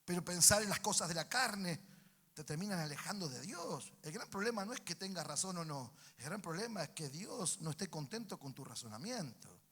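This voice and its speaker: A pastor with a Rioplatense Spanish accent delivers a sermon in a somewhat high, bright, forceful voice. He calls out to the congregation for responses and swings between emphatic peaks and hushed passages. The sound carries the long reverb of a church sanctuary. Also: lively intonation, a little fast, slightly rough. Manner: preaching with call-and-response to the congregation.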